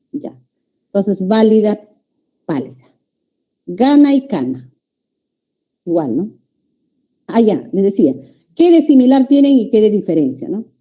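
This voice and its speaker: Peruvian lady teacher, really mellow dark voice, keeps checking the class gets it. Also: mid-range voice. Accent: Peruvian Spanish. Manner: explanatory, checks in with "¿no?" and "ya". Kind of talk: university-prep lecture.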